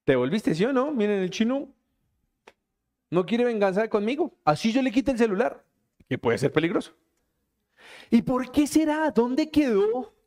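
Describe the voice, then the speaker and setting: A man preaching as a pastor, lively and joking, acting out little scenes with quick quoted voices in a church hall. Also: very high voice. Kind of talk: lively sermon.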